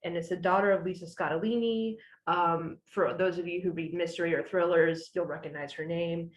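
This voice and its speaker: A woman's voice: fairly low pitch, steady tone, fairly quick, poor audio. A woman on library staff, chatting casually and reading out book descriptions with frequent fillers. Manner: chatty, uses many fillers like "like" and "uh". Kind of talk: casual book recommendation chat.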